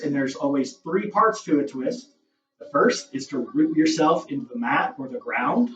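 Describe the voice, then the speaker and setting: Yoga teacher, male, somewhat high voice, calm encouraging cues, far from the mic in a roomy space. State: out of breath. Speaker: yoga instructor. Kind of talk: guided yoga class instruction. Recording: roomy, distant, dull camera audio with faint music.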